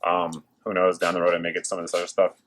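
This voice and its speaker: A man with a very low voice presents gear to viewers like an excited, informal video host. He talks casually and keeps it chatty. Factory machines hum faintly behind him as he talks. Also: quick pace. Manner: enthusiastic, informal. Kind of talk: casual product showcase to camera. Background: working machines and clicks.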